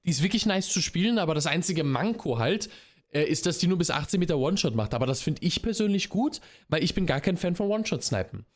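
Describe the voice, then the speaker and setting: A man's voice: fairly high pitch, lively intonation, fast. A young man streamer giving casual reaction commentary, laid-back and dropping English gamer slang into his talk.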